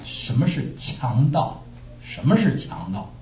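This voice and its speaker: A man from China preaching a sermon, telling stories lively and asking rhetorical questions. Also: medium pitch, slow pace, faint music behind. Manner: animated storytelling with rhetorical questions. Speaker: pastor. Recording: echoey room, distant muffled mic.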